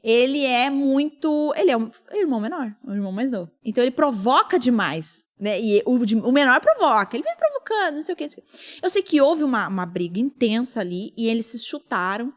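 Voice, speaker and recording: High-voiced woman telling an emotional story. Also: big pitch swings, fairly quick. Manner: emotional storytelling, acts out quoted speech. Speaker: podcast host. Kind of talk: casual podcast chat.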